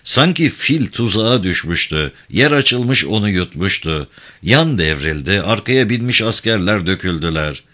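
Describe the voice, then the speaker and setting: A man reading a novel aloud in a dramatic, measured audiobook narration. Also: fairly low pitch, lively intonation, sharp tone.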